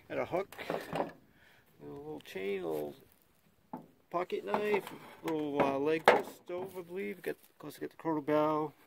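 A man's voice: a little high, gravelly, noisy background. A middle-aged man, a metal detecting vlogger, chatting and joking outdoors in a farm field. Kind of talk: casual outdoor commentary and storytelling.

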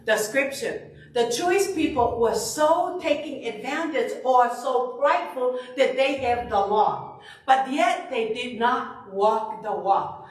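A middle-aged woman from Tonga preaching a sermon into a handheld mic in a church sanctuary, animated and emphatic, often repeating herself. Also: on the high side, slow pace. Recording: echoey hall, far from the camera.

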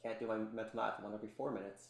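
A man talking as a podcast guest in relaxed, rambling casual chat, full of ums. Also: on the low side, very fast, gravelly, reverberant. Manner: relaxed, rambling, many ums, laughs often.

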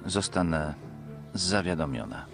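A man reading a voice-over translation of a series in an even, detached way. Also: sits low, a little slow, creaky, music in the background. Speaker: voice-over reader. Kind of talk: flat Polish voice-over reading.

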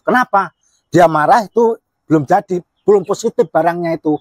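A man's voice: sits high, a little fast. A man who keeps goats, talking casually and at length about his animals in a loose, rambling way. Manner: rambling, talkative, in a regional colloquial manner. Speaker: goat farmer. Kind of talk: casual chat.

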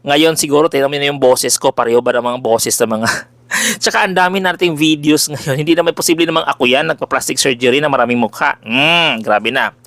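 Loud-voiced man in lively chatty address. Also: fairly high pitch, a little fast, no room sound. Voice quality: big, loud voice. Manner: chatty and exclamatory, switching between Tagalog and English, jokey asides. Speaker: folk healer selling remedies, page owner. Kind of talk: casual direct-to-camera address to followers.

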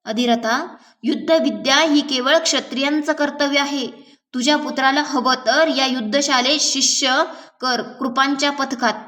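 A woman reading a novel aloud in a measured, gentle storytelling manner. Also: high voice, fairly even intonation, recorded from a distance. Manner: measured, gentle storytelling with small slips and restarts. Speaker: audiobook reader.

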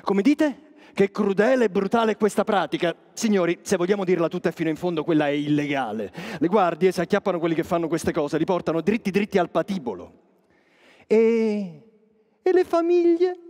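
A sly, cynical court chapel master played by a male actor, holding forth to the audience with sardonic stage declamation. His voice sits somewhat high for a man, with lots of tonal swing. It rings out in a stage hall with a long reverb tail. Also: very animated, moderate pace, pauses often, warm tone. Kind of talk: theatrical monologue to the audience.

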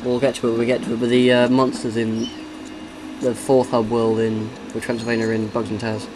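Over a noisy home recording, a man gives offhand let's-play commentary while gaming, rambling, cracking jokes, and slipping into snatches of song. His mid-range voice is monotone and fairly quick.

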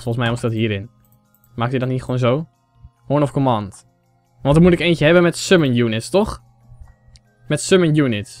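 Young male gaming host from the Netherlands, slightly higher voice, sore throat, excitable running commentary over faint game music. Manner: excitable, mixes English phrases, talks to viewers as 'jongens'. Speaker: gaming YouTuber. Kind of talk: casual Let's Play commentary.

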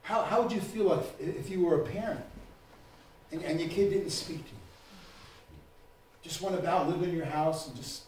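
A man preaching a sermon as pastor, moving between quiet talk and shouted preaching. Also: fairly high pitch, normal speed, pauses often, slight background noise. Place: church. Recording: echoey church room, mic far off.

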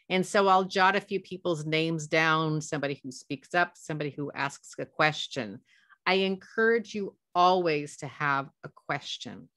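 A woman's voice: sits low, fairly bright tone, no room sound, clean studio sound. A middle-aged woman presenting a webinar through a headset mic, talking conversationally with stories and frequent self-corrections. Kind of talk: professional development webinar talk.

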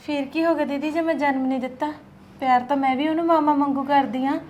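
A woman playing a gentle childless young wife. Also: high-pitched, steady tone, quick pace, slight background noise, natural voice. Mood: pleading. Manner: pleading, soft-spoken. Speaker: actor. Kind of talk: Punjabi short film acting.

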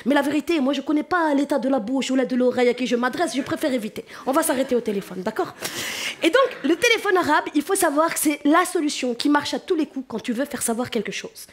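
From the Paris suburbs and speaking with that suburban Paris accent, a French woman performs a stand-up comedy set on stage. Her voice is high and fast as she talks straight to the audience in an animated, chatty way.

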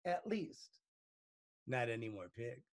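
Brief: male teacher reading a picture book to kids, expressive, pitch rising and falling a lot. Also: takes it slowly. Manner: lively, expressive, playful. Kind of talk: storybook read-aloud.

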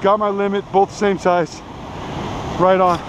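A man's voice: sits high, measured pace. Upbeat man on a windy surf beach. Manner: relaxed, upbeat, talking to viewers while casting. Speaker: fishing vlogger. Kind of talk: casual first-person narration while fishing. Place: outdoors on an ocean beach in the surf. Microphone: body-worn action camera. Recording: wind and surf noise on a camera mic. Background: crashing waves and wind.

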